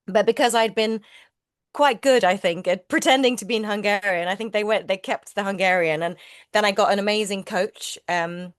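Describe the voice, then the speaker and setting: A middle-aged Swedish-speaking actor chats casually in an interview, her mid-range voice moving at normal speed. She talks freely, often restarting and repeating words. The sound is studio quality with no echo.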